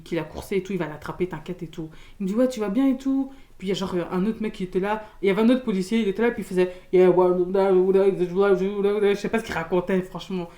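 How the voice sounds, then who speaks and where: A young woman from Belgium, telling a storytime in casual slangy chat, loud and expressive, acting out the people in her story. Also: medium pitch. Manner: casual slangy talk with many fillers.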